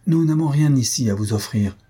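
A man reading aloud and voicing a composed, quick-witted young woman, in a husky voice. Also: mid-range voice, lively intonation, warm tone, pitched above the performer's own voice.

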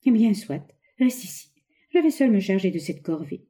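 A woman reading aloud voices a lively, teasing young woman friend in a storybook. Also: medium pitch, lightly acted. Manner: teasing, brisk.

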